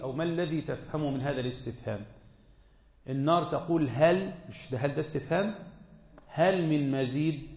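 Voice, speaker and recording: A male teacher with an Egyptian accent reads formal classical text, then drops into relaxed colloquial remarks to his class. His voice carries a long, roomy echo. The recording sounds dull and lo-fi. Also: medium pitch. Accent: Egyptian Arabic. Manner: switches between formal reading and colloquial asides, asks the class questions. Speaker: teacher of Quranic exegesis. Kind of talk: classroom lesson explaining a tafsir text. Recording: echoey hall, dull lo-fi sound.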